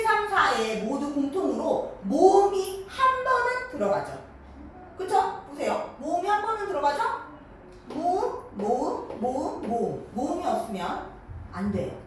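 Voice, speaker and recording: Woman teacher coaxing her class, high bouncy voice, echoey room, mic far away. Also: slight background noise. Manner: lively, coaxing, checks in with students often. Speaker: middle school Korean teacher. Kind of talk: classroom grammar lesson.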